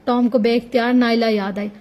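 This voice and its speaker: A woman narrates a novel aloud for an audiobook. Her voice is high and her delivery steady. She reads like a storyteller. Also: fairly quick, dull audio.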